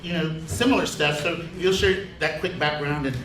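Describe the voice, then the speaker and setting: A man's voice: fairly high pitch, moderate pace, fairly bright tone. A man moderating a community panel in a loose, chatty way with lots of fillers. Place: large community center hall. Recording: echoey hall from far off.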